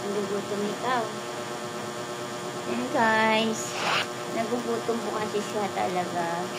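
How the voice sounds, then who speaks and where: Fairly high Filipino woman vlogging, humming noise. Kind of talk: casual vlog chat about her pets. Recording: noisy room with mains hum.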